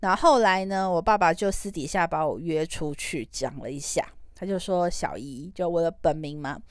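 Smooth and fairly low-pitched, this woman talks a little fast in a studio-quality recording without room sound. She's a podcast host with a Taiwanese Mandarin accent, casually recounting a personal story in a rambling, chatty way with trailing particles.

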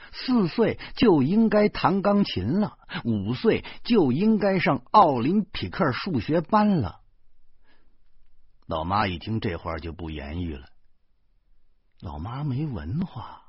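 A man reading a novel aloud, telling it in a lively, wry way. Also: medium pitch, husky, no echo, highs cut off. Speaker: audiobook narrator. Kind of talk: novel reading with voiced dialogue.

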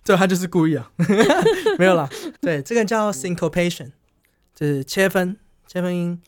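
A man's voice: high voice, very animated, normal speed. A young man, a guest jazz musician explaining styles in an easygoing way. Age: young adult. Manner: explanatory, easygoing, demonstrates rhythms aloud. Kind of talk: casual chat.

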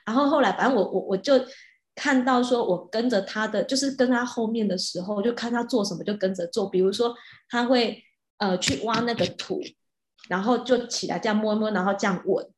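A woman telling a personal story in a casual way. She is animated and often restarts her sentences, with soft fillers. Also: fairly high pitch, brisk. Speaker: hypnotist. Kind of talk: casual storytelling of a past-life regression. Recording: roomy echo.

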